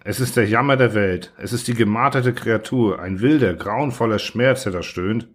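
Male narrator, lowish voice, somber measured literary reading. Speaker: audiobook reader.

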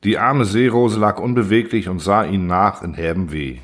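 Low-voiced man reading a story. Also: steady tone, fairly bright tone. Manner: measured, dramatic storytelling. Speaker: narrator. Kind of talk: scripted story narration.

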